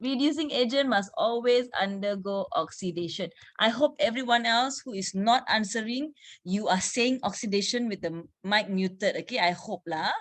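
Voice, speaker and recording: A woman chemistry teacher running an online revision class, quizzing students briskly and saying "okay" often. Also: mid-range voice.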